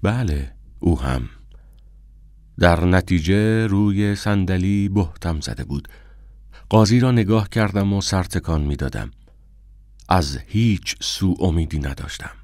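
Male audiobook narrator, very low voice, measured and somber, dry booth sound. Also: expressive, darkish tone, no echo. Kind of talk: scripted first-person narration.

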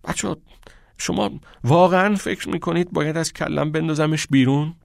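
A man's voice: fairly high pitch, vocal fry, no room sound, pitched above the performer's own voice. Man doing teenage schoolboy, lovesick, wailing, raised voice, dry close sound. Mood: pleading. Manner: wailing, overwrought.

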